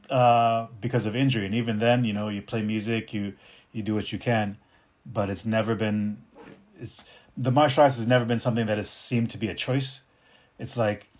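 A middle-aged man with a lowish voice and darkish tone talks reflectively and slowly in a casual interview, frequently starting over. He teaches capoeira and martial arts, was born in Detroit, grew up partly in North Africa, and has Arabic as his first language.

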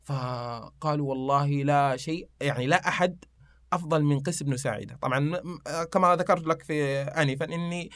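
A man's voice: on the high side, a little fast, no echo, studio quality. A man, telling old anecdotes and reciting verse in a casual podcast chat. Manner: animated storyteller reciting poetry, fillers.

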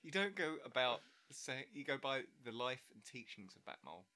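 A man with a bright, clear voice at a middle pitch, co-hosting a casual podcast. He talks in loose banter and riffs playfully on absurd ideas, often breaking into laughter. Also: very animated, normal speed. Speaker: podcast co-host.

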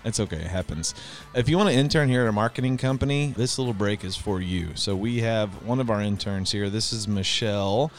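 A man's voice: on the low side, brisk. Self-deprecating middle-aged man co-host. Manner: rambling, self-deprecating, jokey. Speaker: podcast co-host. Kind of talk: casual chat. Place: Texas marketing office.

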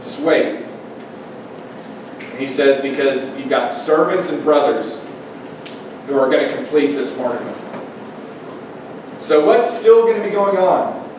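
Male pastor, high-pitched, preaching with passion; recorded from afar in a very reverberant church room. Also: lively intonation, measured pace, long pauses, far from the mic, background noise. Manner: impassioned preaching, swinging between loud emphatic pushes and quiet low asides. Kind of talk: sermon. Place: church sanctuary. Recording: echoey church room from off-mic, faint ambience.

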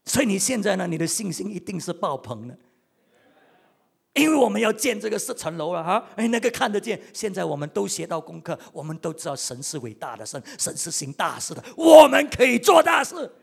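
A male pastor preaching a sermon with animated delivery, swinging between loud outbursts and quiet asides and repeating words for emphasis. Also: high voice, fairly quick, gravelly, husky.

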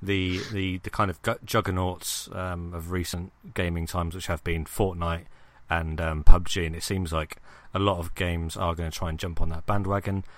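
A man with a fairly low voice hosts a relaxed gaming podcast, wandering through his points with plenty of ums and false starts. He keeps turning questions over to his co-host. The sound is close and dry, with no room around it. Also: normal speed, few pauses, dry recording. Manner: rambling, many ums and restarts, asks his co-host questions. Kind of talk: casual gaming chat.

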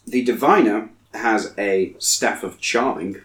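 A man's voice: lowish voice, takes it slowly, a bit bright. A man acting as game master, narrating a tabletop fantasy game. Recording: echoey room with faint noise.

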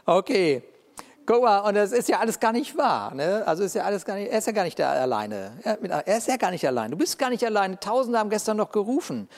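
A man preaching a sermon in a lively, conversational way, often checking in with his listeners. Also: high voice, fast talker. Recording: long reverb of a large hall.

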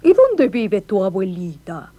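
A scheming storybook wolf, voiced by a woman reader, coaxing and drawn-out as he speaks. The voice is husky and dark, and it swoops widely in pitch. The sound is dry and close. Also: wildly swooping pitch. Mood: sly. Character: sly hungry male wolf, sweet-talking and scheming. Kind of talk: storybook read-along voice acting.

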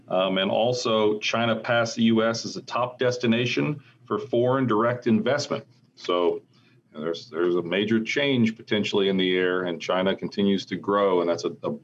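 A low-voiced American man hosts a casual podcast chat. He rambles conversationally and wanders into asides, on slightly dull, band-limited audio. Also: a little hiss or hum. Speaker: podcast host. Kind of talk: casual market commentary chat.

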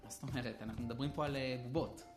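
A young man, a puppeteer and theatre director, talking softly and hesitantly with many fillers. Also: mid-range voice, steady tone, faint music behind. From Israel. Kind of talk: interview and puppet show patter.

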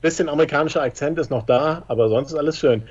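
A man's voice: on the high side, fast, slightly rough. A man co-hosting a casual interview, reading out short questions and chatting with the guest. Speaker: co-host asking quiz questions. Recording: slightly dull, lo-fi sound.

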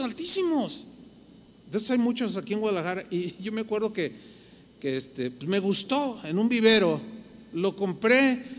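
A pastor with a Mexican Spanish accent and a high-pitched voice preaches to a congregation in a large church hall. His style is conversational, and he acts out the voices of his listeners.

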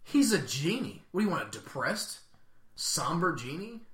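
A man's voice: on the high side, sing-song, moderate pace, a bit bright, reverberant. A man co-hosting a casual podcast chat, teasing and joking with his friends. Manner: teasing, jokey. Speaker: podcast co-host.

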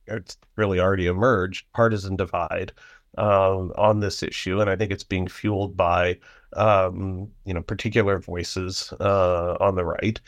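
A man analysing foreign policy in a halting way, with many fillers and restarts. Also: lowish voice, no echo. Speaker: panel guest analyst. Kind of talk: policy discussion.

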